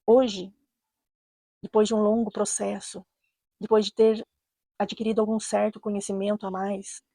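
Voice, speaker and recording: A Brazilian woman with a Brazilian Portuguese accent, telling a true personal story in an earnest, measured way and repeating phrases for emphasis. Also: mid-range voice, little pitch movement, warm tone, dry recording. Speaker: storyteller, channel host.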